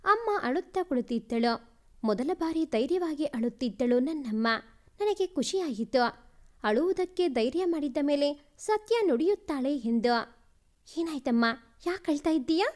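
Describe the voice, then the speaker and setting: A woman reading a family story aloud in the first person, in a gentle, measured narration. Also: sits high, expressive.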